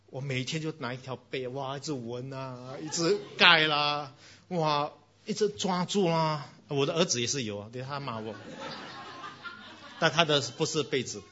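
A man preaching a sermon, telling animated stories and slipping into bits of English. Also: medium pitch. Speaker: pastor. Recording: dull, lo-fi recording.

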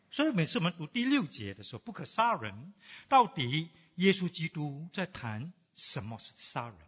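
A man's voice: fairly high pitch, sharp tone, slightly rough. A man preaching a sermon in a church, reading scripture aloud and asking the congregation questions, dropping in English fillers. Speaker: pastor. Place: church hall. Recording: dull hall recording with long reverb.

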